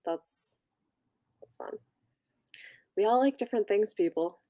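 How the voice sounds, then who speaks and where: A woman hosting a book channel livestream chats casually and informally, enthusiastic about the things she likes. Her medium-pitched voice is mellow, with lively intonation and a measured pace.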